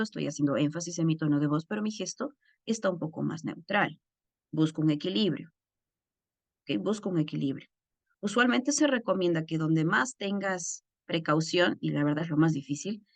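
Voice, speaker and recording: A woman's voice: sits low, dry recording. A woman giving an online course lecture, explaining step by step and often checking in with her listeners. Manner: acts out example phrases in changed voices.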